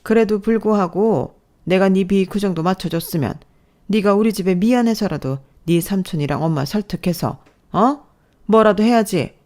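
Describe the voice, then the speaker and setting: A woman's voice: mid-range voice, moderate pace, warm tone, pitched above the performer's own voice, lightly acted. A woman reading a scolding, snobbish mother-in-law. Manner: scolding, belittling. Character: scheming middle-aged mother-in-law, sharp and snobbish. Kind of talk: scripted story narration.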